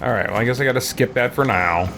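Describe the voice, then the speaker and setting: This let's play host talks quickly in a mid-range voice, offering casual, rambling commentary on his gameplay along with exasperated outbursts. Noise from the game audio sits behind him.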